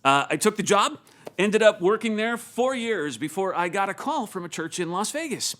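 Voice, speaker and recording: Animated high-pitched male preacher. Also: moderate pace. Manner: animated storytelling, repeats words. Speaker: pastor. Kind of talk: sermon.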